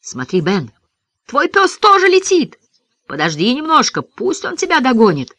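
An excited young boy calls out to his friends, his voice leaping up high with eager shouts, as a man puts him on. Each call swoops and lifts with lively energy. The sound is close and dry. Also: normal speed, dry recording, full character voice. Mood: excited shouting.

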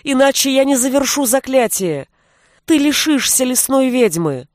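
A woman's voice: medium pitch, expressive, a little slow, no room sound. Woman doing a stubborn male sorcerer haggling hard in a storybook reading, coaxing and pushy, dry close sound. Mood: desperate. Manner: coaxing, then shouting in despair.

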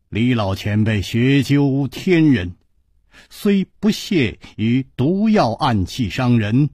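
A man voicing a calm, grave, courteous hero in a radio storytelling broadcast, with a husky voice and slow, formal speech. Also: medium pitch, no echo, studio quality, pitched above the performer's own voice, heavily acted.

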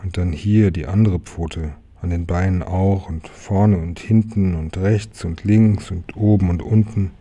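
A man calmly reading a children's book aloud, chapter by chapter. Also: low voice, unhurried, hardly any pauses. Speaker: storyteller.

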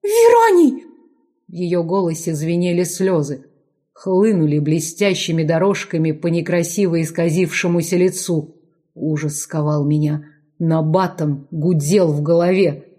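A woman reading a dramatic audiobook narration in a measured, steady way. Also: sits low. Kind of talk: scripted narration.

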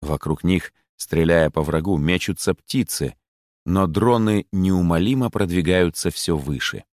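A man with a low voice reads a children's adventure story aloud. His narration is measured and expressive. The recording is close and dry. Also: no room sound. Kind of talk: audiobook narration.

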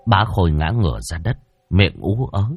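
A man's voice: low voice, expressive, moderate pace, husky, dull audio, soft background music. A man narrating a ghost story dramatically.

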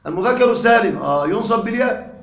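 High-voiced man teaching in an echoey room. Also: expressive, noisy background. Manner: quizzes the class with frequent questions; repeats key points deliberately. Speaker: grammar teacher. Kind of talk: classroom lecture. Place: classroom.

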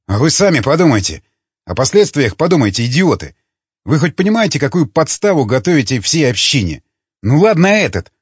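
A man's voice: on the high side, big pitch swings, a little fast, slightly rough, no echo. A man doing a hectoring community loyalist. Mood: exasperated. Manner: hectoring, argumentative. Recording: dull lo-fi recording.

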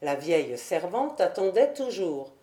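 A woman reading a classic novel aloud in measured, steady audiobook narration. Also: on the low side. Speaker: audiobook reader. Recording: echoey room.

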